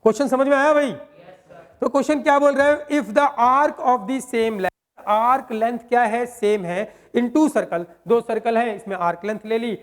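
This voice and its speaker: A male maths teacher, explaining a problem and quizzing his students with constant rhetorical questions. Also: extremely high pitch. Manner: reads English question text slowly, word by word. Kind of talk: whiteboard maths lesson.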